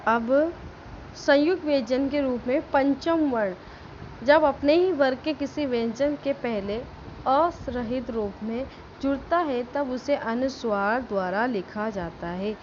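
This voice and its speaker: A woman school teacher explaining a grammar lesson step by step, stressing example words slowly and checking that students follow. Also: high-pitched, a little mellow, highs cut off, a little hiss or hum. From India.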